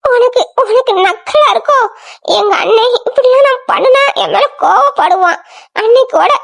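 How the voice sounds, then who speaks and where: Brief: performer as a scared, weepy young woman, squeaky high voice, audio drama. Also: fairly bright tone, heavily acted. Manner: tearful, pleading, fearful. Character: timid, frightened young woman, a worried girlfriend. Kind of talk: amateur audio drama acting.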